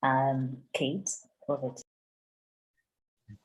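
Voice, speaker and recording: South sudanese woman hosting a zoom meeting, low husky voice, laughs easily. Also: steady tone, takes it slowly, poor audio. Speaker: network coordinator. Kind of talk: online meeting introduction.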